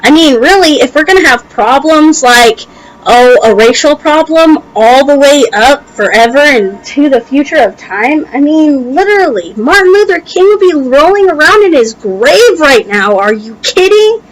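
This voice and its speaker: A young American video blogger with a high-pitched voice rants to camera with opinionated reactions, heated, emphatic and casually profane. A tongue piercing and allergies make her speech slightly impeded and talking hard. The recording quality is low.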